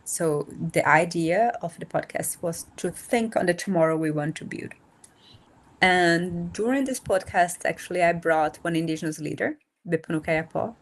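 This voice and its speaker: Low and creaky, her voice comes over a remote video call where she's a guest in a casual interview. She is a nonprofit founder in her 30s from Brazil's north and northeast, a native Portuguese speaker, who speaks thoughtfully and keeps pausing with fillers to find her words.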